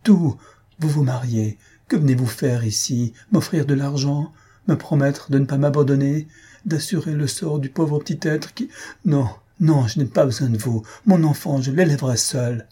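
A man playing a proud, heartbroken young woman in an audiobook. The voice is raised and husky, sharp with anguish. It has a dark, muffled tone. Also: medium pitch, moderate pace, voice pushed up, lightly acted. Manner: cries out in anguish.

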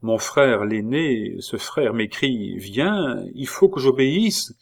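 A man's voice: medium pitch, expressive, takes it slowly, pitched above the performer's own voice. A man reading the part of an earnest, duty-bound young nobleman, speaking with urgency in a storybook reading. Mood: urgent.

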